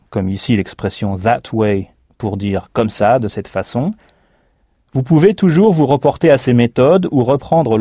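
A man's voice: medium pitch, mellow, dry recording, clean studio sound. A man teaching in a recorded language course, explaining patiently and spelling words out letter by letter. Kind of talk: recorded language lesson narration.

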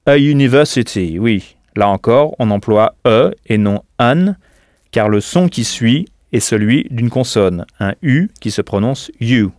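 A man leads a scripted audio language lesson at a middle pitch. He explains clearly and patiently and leaves pauses for the listener to answer. The recording is dry and close. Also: animated, a little mellow, dry recording. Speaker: language teacher.

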